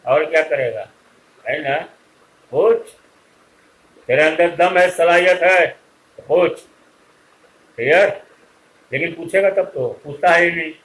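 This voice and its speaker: A man's voice: on the high side, fairly bright tone, poor audio. A man teaching an online lecture, scolding and lecturing his students directly.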